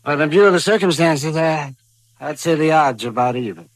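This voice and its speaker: A radio actor in a vintage radio western plays a crusty, weary old town doctor, grumbling in a folksy, querulous mutter. The American man's voice is a little high, animated and brisk, close to how he'd normally talk.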